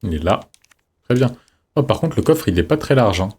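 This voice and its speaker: A man's voice: fairly low pitch, very animated, a little fast, a little mellow, breathy edge. A man giving casual let's-play commentary, chatty, reading in-game notes aloud with jokey asides. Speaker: streamer playing a horror game.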